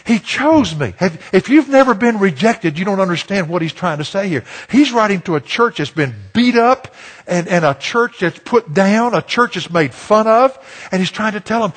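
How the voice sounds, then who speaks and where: An older man from Virginia, preaching a sermon as a pastor, folksy and self-deprecating in his storytelling. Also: high voice. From Virginia, USA.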